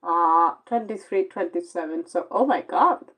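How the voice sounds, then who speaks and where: In a low-quality recording, a Norwegian woman gives a casual tarot reading late at night, tired, rambling, blunt, and sarcastic. She is a native Norwegian speaker with the accent to match. Her voice is on the low side yet fairly bright, expressive, and a little slow.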